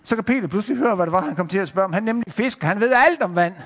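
A man telling a Bible story to children, lively, showing pictures and addressing the listeners directly. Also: high voice, long reverb tail.

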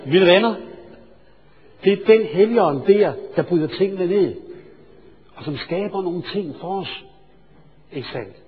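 A male preacher telling a sermon story, swinging from hushed asides to loud, excited storytelling. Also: on the high side, slightly rough. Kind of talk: sermon with anecdote. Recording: reverberant hall, dull lo-fi sound.

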